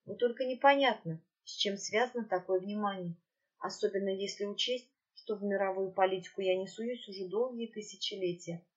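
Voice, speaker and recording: A woman voicing a fierce, quick-tempered ancient female demiurge in an audiobook. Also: medium pitch, dull audio, lightly acted. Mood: indignant. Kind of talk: audiobook character reading.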